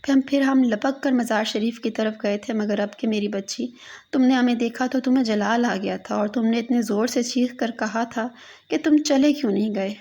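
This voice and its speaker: A woman reads a literary story aloud as a mournful lament. Her voice is husky and gravelly, sitting a little high. She speaks to a lost daughter throughout. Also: darkish tone.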